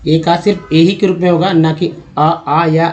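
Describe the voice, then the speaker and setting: A man's voice: on the high side, fairly even intonation, normal speed. A man teaching English reading, sounding out words letter by letter and repeating each one. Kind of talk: slow spoken lesson spelling out word pronunciations. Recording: dull lo-fi recording.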